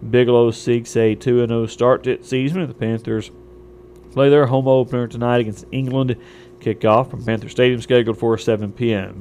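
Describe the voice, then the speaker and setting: A man's voice: mid-range voice, a little mellow, slight background noise. A man reading a scripted local radio sports and weather newscast as a station announcer. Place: radio studio.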